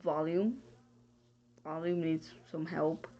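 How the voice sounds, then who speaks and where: Young woman from Texas, low voice, rambling class answer, searches for words, dull lo-fi audio. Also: slow, mellow. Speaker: student. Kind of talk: casual spoken class response. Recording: dull lo-fi home recording.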